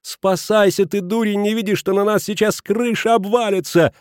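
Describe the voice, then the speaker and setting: A shrill, frantic village wife, put on by a male audiobook reader cries out in a voice pitched well above his own. The sound is close and dry. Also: fairly even intonation, normal speed, no echo, natural voice. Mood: panicked. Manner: shrill, panicked crying out. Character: frantic village wife, middle-aged woman.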